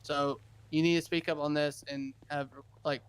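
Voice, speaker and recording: A man's voice: on the high side, flat delivery, normal speed, slight background noise. A man playing a governor in a casual roleplay chat, rambling and repeating himself as he talks over others.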